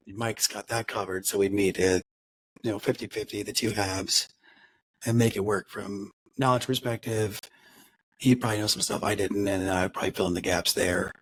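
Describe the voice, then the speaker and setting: A man's voice: fairly low pitch, poor audio. A man co-hosting a car podcast, chatting casually and rambling, with frequent restarts and acted-out quotes. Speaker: podcast co-host. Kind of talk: casual chat.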